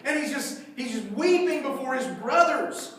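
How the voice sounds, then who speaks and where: A high-pitched male pastor preaches in a big, echoing church sanctuary, heard from some distance away. He tells the story with animated energy and slips into the voices of its characters as he goes. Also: moderate pace. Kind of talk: sermon.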